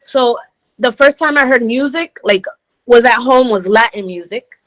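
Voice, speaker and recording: A woman in her forties from Rhode Island, a DJ guest telling her story in a relaxed interview, laughing easily. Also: a little high, moderate pace. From Rhode Island, United States. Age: 40s. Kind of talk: casual interview chat.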